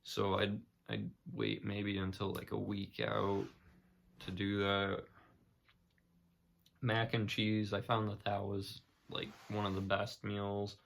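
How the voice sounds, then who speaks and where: A young man with a fairly low, gravelly voice talks casually to his vlog audience. His delivery is very flat and matter-of-fact, with hesitant, unscripted phrasing. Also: takes it slowly. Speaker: vlogger sharing personal recovery experience.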